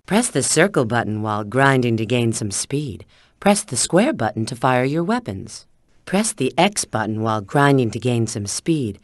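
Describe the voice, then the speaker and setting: A confident, sly bat-woman spy from a video game. Her pitch moves in lively swoops as she coyly hands out tips and instructions. The sound is dry, with no room around it. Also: no room sound, exaggerated voice. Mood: coolly instructive. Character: sly, confident adult female bat spy, helpful sidekick. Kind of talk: video game character hint lines.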